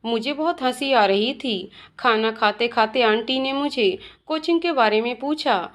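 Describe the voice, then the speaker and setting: A woman's voice: fairly high pitch, unhurried. Young woman narrating a heartfelt story. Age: young adult. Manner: expressive, playing every role herself. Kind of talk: first-person story narration.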